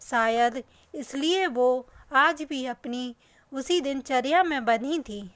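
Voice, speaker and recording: A woman narrating an emotional family story in the first person, in a slow, soft and sorrowful reading. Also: high-pitched, no room sound.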